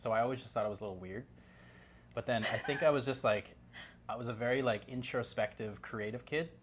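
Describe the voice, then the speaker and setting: A man's voice: mid-range voice, brisk, a little hiss or hum. A man in his thirties from Canada, chatting loosely as a guest, with lots of "like" and restarts. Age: 30s. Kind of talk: casual interview chat.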